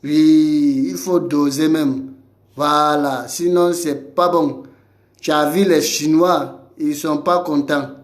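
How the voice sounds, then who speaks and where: A man's voice: a little high, steady tone, takes it slowly. A man from Cameroon addressing a rival in a combative, taunting video rant, repeating challenges and insults. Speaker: online commentator. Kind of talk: ranting video message. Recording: roomy echo.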